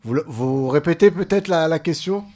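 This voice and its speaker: A man hosting a local radio show, relaxed and unhurried, with frequent "euh" fillers. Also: fairly high pitch. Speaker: radio host.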